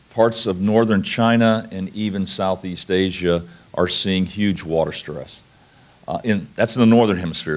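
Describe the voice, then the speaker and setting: Low-pitched Southwestern man presenting informally. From New Mexico, United States. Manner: informal, folksy, explanatory. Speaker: conference speaker, national laboratory researcher. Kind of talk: conference presentation.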